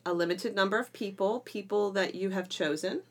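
A middle-aged woman co-hosts an educational podcast, chatting conversationally and explaining things with emphatic phrasing. Her voice is mid-range and she speaks at a normal speed.

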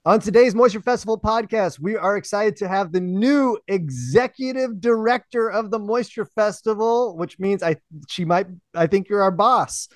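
A man's voice: high-pitched, moderate pace, few pauses. A man hosting a podcast, chatty and upbeat. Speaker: podcast host. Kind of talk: casual podcast chat.

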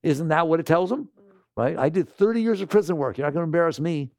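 Man, gravelly voice, slightly higher pitch, lecturing, rhetorical questions, dry sound. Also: fast, dry recording. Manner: animated, scolding, rhetorical questions. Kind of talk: talk to an audience.

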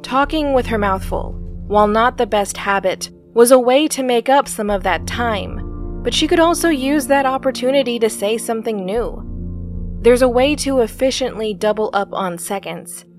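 A woman reading a story aloud in a calm, measured narration. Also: a little high, soft background music.

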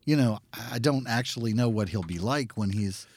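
A man's voice: mid-range voice, moderate pace, a little mellow, dry recording. An American man co-hosting a podcast with casual, opinionated banter and a wry, sardonic manner. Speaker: podcast co-host.

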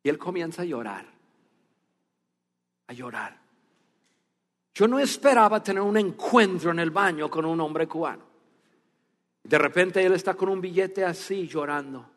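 A man preaching a sermon, telling a story with animation and then speaking in a hushed, earnest tone. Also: a little high, expressive, a little slow, long pauses. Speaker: pastor. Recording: long reverb of a church hall.

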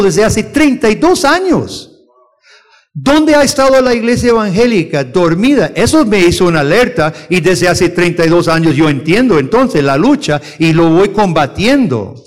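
A man from the United States teaching a church class and taking questions, speaking earnestly with halting restarts and growing urgency. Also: high voice, in a large hall. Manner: earnest, rises to forceful urgency when preaching. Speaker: missionary teacher.

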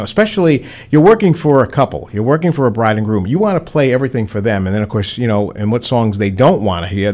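Middle-aged man, veteran DJ, loose rambling advice, studio mic. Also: mid-range voice. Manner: rambling, storytelling with animated quoted voices. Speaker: veteran radio DJ and guest. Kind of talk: casual radio chat giving advice. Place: radio studio.

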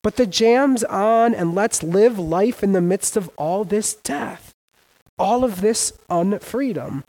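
A man preaching a sermon as pastor, emphatic and casual, with sudden loud rises and everyday slang. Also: sits high, expressive, slow, rough recording.

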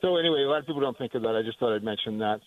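A man from Maine calling in to a radio show over the phone, talking in a halting way as he searches for words. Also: mid-range voice, no echo. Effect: heard over the phone. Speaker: caller. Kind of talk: call-in radio chat. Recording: tinny dry phone line.

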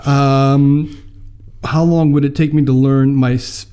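An American mission mobilizer, appearing as a guest, shares his personal testimony in an interview with measured storytelling and many fillers. His voice is very dark in timbre yet mid-range in pitch, clean in tone, with little pitch movement.

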